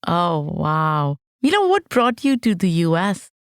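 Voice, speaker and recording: A woman's voice: lowish voice, big pitch swings, unhurried, smooth, dry recording, clean studio sound. A woman from Pakistan hosting an interview podcast, speaking in a friendly, conversational way. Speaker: podcast host.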